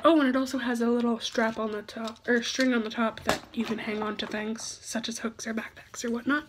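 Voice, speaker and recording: Teen girl vlogger, chatty and giggly, slightly high-pitched, faint noise on the recording. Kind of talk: casual show-and-tell.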